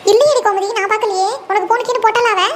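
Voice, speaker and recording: A woman voicing a calm older village neighbor in a cartoon, reassuring the others. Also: very high-pitched, racing, slight background noise.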